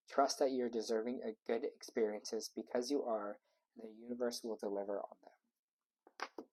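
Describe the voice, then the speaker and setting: Husky-voiced man giving a tarot reading. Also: medium pitch, darkish tone, low-quality recording. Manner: loose, rambling, full of ums and likes. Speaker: tarot reader. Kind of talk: casual tarot reading to camera. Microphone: wearable mic.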